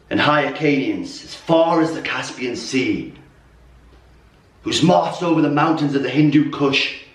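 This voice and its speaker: An actor playing a proud, wounded warrior king who rebukes his troops in a slow, declamatory theatrical monologue with weighty pauses. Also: a little high, a bit bright. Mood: grand, boastful. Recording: roomy echo, distant mic.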